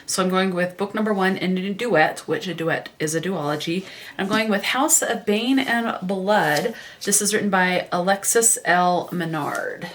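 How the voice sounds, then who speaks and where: A woman's voice: medium pitch, a little slow, fairly bright tone. A woman hosting a casual book vlog, chatting and reading book synopses aloud, with small stumbles and self-corrections. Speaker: book vlogger.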